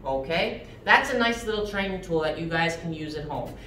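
A young man teaching a children's karate class, giving sharp, clipped martial arts commands. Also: a little high, lively intonation, normal speed. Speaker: karate instructor. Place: mid-sized indoor karate studio with matted floor. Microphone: distant camera. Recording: roomy, distant microphone, background noise.

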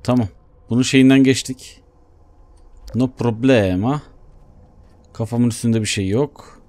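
A man giving Let's Play commentary, chatting to himself as he plays and bursting into excited shouts. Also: mid-range voice, a little slow. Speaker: gaming YouTuber.

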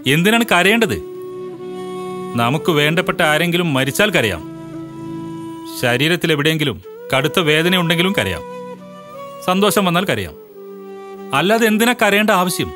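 An actor playing an earnest elder brother who gives his sister a long, measured lecture in a home movie. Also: on the high side, very animated, over music. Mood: stern.

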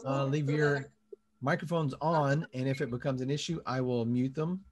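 A man hosting a live online comedy show, speaking in a relaxed way with many fillers, over a video call. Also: medium pitch, normal speed, lo-fi sound. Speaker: host.

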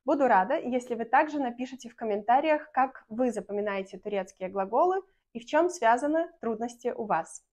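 In a small room, a young Belarusian woman teaches a language lesson to camera. Her voice is on the high side with a darkish tone, and she speaks clearly and patiently, slowing down to model example sentences.

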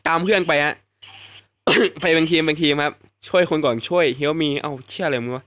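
A young man giving casual, excitable live commentary over a battle royale game, swearing freely and yelping at surprises. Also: fairly high pitch, normal speed. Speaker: gaming YouTuber. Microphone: desk mic at home, fan noise behind.

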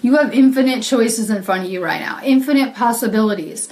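A woman's voice: on the high side, expressive, brisk, a little mellow. Earnest woman talking in an echoey room. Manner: earnest, rambling, laughs often, many ums. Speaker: spiritual healer doing live video. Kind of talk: casual live-stream talk to viewers.

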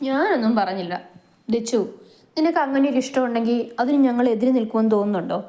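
Woman reading a soothing, inquisitive older sister for a storybook, soft mellow voice. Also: fairly high pitch, lively intonation, fast, close to an everyday voice. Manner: soothing, questioning. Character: caring older sister, gentle but probing.

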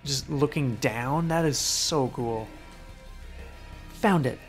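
A man's voice: mid-range voice, slow pace. A man giving casual, upbeat Let's Play commentary and reading the game's text aloud as he goes. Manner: upbeat, easygoing, reads game text aloud. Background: faint game music.

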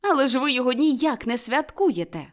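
A woman's voice: high-pitched, a little fast, pitched above the performer's own voice. Woman voicing an eager, cheerful young man. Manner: eager, pleading and excited.

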